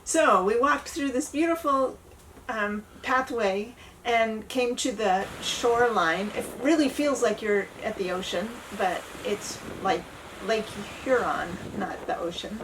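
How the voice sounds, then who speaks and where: A woman with a somewhat high voice recounts a hike in a chatty, relaxed way. She sits back from the mic, and faint ambient noise hums behind her. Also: measured pace, far from the mic. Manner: chatty, plain storytelling. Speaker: travel vlogger. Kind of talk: casual chat.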